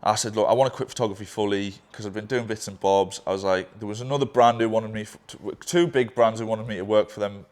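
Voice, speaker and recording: Young man, lowish pitch, candid and rambling, casually swears; a business partner looking back with him. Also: fairly even intonation, quick pace, hardly any pauses, darkish tone. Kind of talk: candid conversation.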